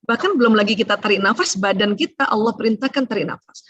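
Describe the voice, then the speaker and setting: A woman giving a seminar talk on family and emotions, animated, acting out short exchanges between parent and child. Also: medium pitch, fast, no room sound, lo-fi sound.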